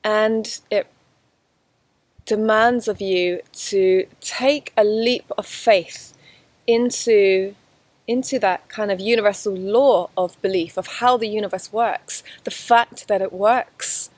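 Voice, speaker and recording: A woman giving a spiritual course lesson outdoors in a forest, talking earnestly to the camera in a flowing way with frequent restarts. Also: mid-range voice. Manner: earnest, flowing, with many restarts and soft laughs. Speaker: spiritual teacher. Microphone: camera facing the speaker.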